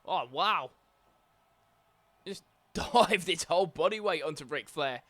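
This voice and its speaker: A man calls wrestling play-by-play over gameplay, naming every hold and slam as it lands. His voice sits a little high and rings bright and forceful. He breaks into excited exclamations at the big moments. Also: slow. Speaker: video game commentator.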